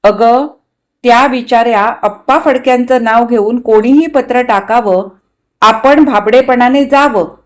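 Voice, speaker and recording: A woman's voice: on the high side, measured pace, lightly acted. A woman voicing a wary young husband in a read-aloud story, who talks in a firm, slightly stern way. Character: young husband, wary and quick to get irritated.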